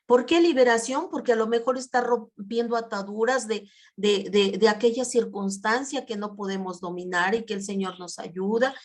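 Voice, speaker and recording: A woman's voice: on the high side, normal speed. A middle-aged woman preaching a sermon in a conversational way, often asking for agreement and repeating words as she acts out sample prayers.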